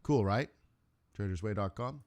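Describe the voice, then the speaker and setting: A middle-aged man with a lowish, darkish voice hosts a live trading stream at normal speed. His talk is casual and rambling, full of asides and frequent laughter.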